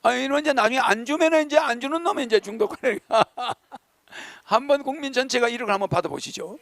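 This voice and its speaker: An older man lecturing to followers, reciting poetry slowly and then talking in a lively way with rhetorical questions, acting out what people say. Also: extremely high pitch, creaky, dry recording. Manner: lively, rhetorical questions, acts out crowds and politicians. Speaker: speaker addressing followers. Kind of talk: lecture to an audience.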